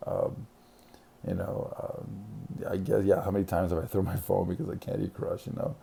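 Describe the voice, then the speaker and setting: A man's voice: sits low, level tone, moderate pace, gravelly, dark tone, slightly rough. A man working as a school counselor, talking casually and rambling, with frequent restarts and short laughs. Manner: rambling, many restarts, laughs between points. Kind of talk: casual monologue.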